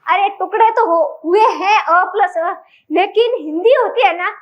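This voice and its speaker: A woman's voice: very high voice, measured pace, highs cut off. A woman teacher with a Rajasthani Hindi accent, giving a classroom lecture and quizzing her class with question after question.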